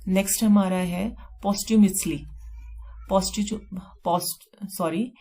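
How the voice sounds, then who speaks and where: A woman's voice: fairly low pitch, a little mellow. A woman teaching vocabulary for exams with memory tricks, explaining step by step and repeating key words, with terms. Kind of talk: exam-prep vocabulary lesson.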